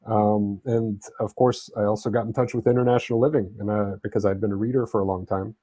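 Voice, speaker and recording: There is no room sound around this man's low, steady, dark-toned voice, and he talks fast. A freelance writer and travel correspondent who grew up in southern Spain, he recounts his own story as an interview guest, relaxed and explaining as he goes.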